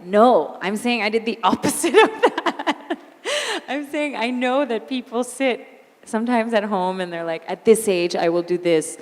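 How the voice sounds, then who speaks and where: Speaking a little slowly at a fairly high pitch, this raspy woman in her thirties, a singer and actor, is the guest in an onstage interview in an event hall. The long hall reverb carries her candid, animated stories about her life and her easy laughter.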